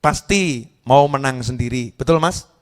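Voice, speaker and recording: A man preaching a sermon, telling humorous stories in a lively, animated way. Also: medium pitch, unhurried. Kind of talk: religious sermon.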